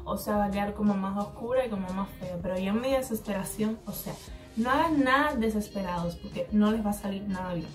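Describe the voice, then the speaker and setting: A woman's voice: medium pitch, fairly quick. A Cuban woman telling a hair-salon storytime on her vlog, chatty and rambling, acting out what the stylist said. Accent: Cuban Spanish. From Cuba. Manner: chatty, rambling, acts out the other person's replies. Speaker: hair vlogger. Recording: slightly distant mic with faint background music.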